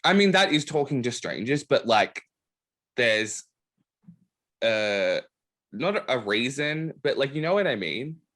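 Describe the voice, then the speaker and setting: A young man hosts a podcast, chatting casually and telling animated stories packed with "like" fillers. His voice sits in the mid range, and he talks slowly with long pauses.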